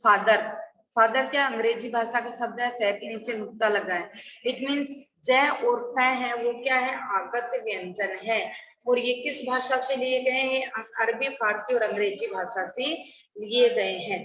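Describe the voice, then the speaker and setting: A woman's voice: fairly high pitch, unhurried, fairly bright tone. A middle-aged woman teacher giving an online class, drilling correct spellings by contrasting wrong and right forms and asking questions she then answers herself. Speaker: school Hindi teacher. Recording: echoey, distant, dull online class audio.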